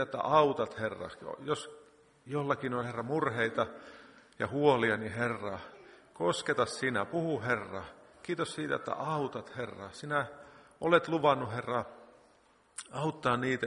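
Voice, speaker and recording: A man leads a congregation in prayer, dropping "Lord" between nearly every phrase, and later reads out the week's notices. His mid-pitched voice carries a long echo from the church hall around him. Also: creaky, pushed and bright. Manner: prayer punctuated by constant repeated "Lord". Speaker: church meeting leader. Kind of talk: spontaneous prayer and announcements.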